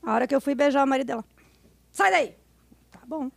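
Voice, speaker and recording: A woman telling a personal story as a podcast guest, lively and acting out what the others said. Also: high voice, very fast, vocal fry, no room sound. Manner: animated, acts out the voices of people in her story. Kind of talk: casual storytelling.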